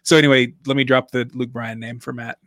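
A man with a bright, forward voice chats loosely on a podcast, rambling and circling back to correct himself. The recording is close and dry, with no room sound. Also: mid-range voice, level tone, brisk, no echo. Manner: rambling, self-correcting, chatty. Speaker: podcast co-host. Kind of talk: casual conversational podcast chat.

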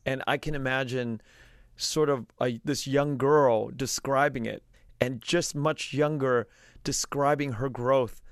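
Halting male interviewer, smooth dry voice. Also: medium pitch, fairly even intonation, no echo. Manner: halting, with restarts and slow careful phrasing. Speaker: podcast host. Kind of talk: interview questions.

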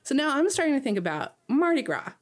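A woman's voice: high voice, sing-song, fast. A woman co-hosting a podcast, narrating food history from a script with enthusiasm and lingering over ingredient lists. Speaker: podcast co-host.

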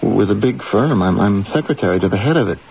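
A man's voice: lowish voice, animated, fast, gravelly. An actor playing a timid, self-pitying man in his forties in a radio drama, hesitant, stammering and deferential. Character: meek, lonely forty-two-year-old office underling, self-pitying, timid. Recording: dull, hissy radio recording.

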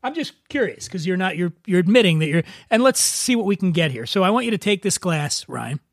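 A man with a raspy voice, hosting a casual interview as a podcast host. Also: high-pitched, sing-song, brisk, no room sound, studio quality.

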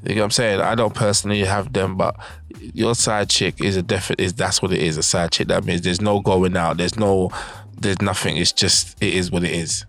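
A man's voice: low voice, steady tone, fairly quick, a bit bright, soft background music. A man with a London roadman accent, chatting casually and in slang as a podcast host. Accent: London roadman, Multicultural London English.

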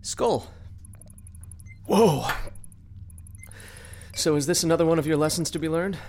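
A woman's voice: low voice, level tone, rapid-fire, a little mellow, slight background noise, close to an everyday voice. An actress voicing a hesitant, rambling young male crew recruit in an audio drama.

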